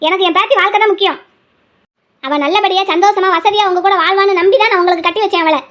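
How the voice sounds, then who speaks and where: A woman's voice: extremely high pitch, a bit bright. A woman voicing a stern, stubborn village grandmother who talks firmly and scolds in a homemade drama. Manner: firm, scolding, rapid delivery. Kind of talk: hobby drama dialogue.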